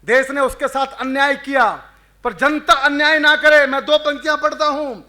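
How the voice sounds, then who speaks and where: Poet guy on stage, super high voice, drags out every verse line. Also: little pitch movement, bright, forceful tone. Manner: declamatory, chants refrains, stretches verse lines slowly. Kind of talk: live poetry recital with crowd banter. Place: live event before an audience.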